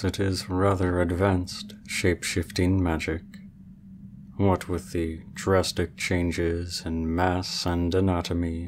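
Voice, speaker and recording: In an ASMR roleplay, a man voices an ancient, aloof male dragon in human form, speaking formally in a measured, reserved way. His voice sits low, and there is slight background noise.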